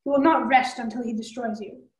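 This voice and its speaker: A woman voicing a calm, commanding ancient goddess, speaking low and stern in an echoey room. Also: brisk, close to an everyday voice. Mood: warning.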